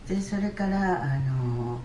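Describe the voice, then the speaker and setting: An older woman, giving a halting personal testimony in church with many pauses. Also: extremely low pitch, lively intonation, warm tone, a little hiss or hum. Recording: roomy church hall.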